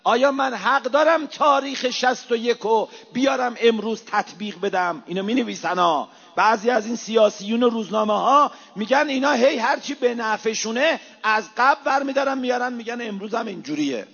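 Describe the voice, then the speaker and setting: A man preaching an impassioned sermon, swinging between hushed low asides and loud, rising exhortations. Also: vocal fry, hardly any pauses, breathy edge. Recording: reverberant hall, dull lo-fi sound.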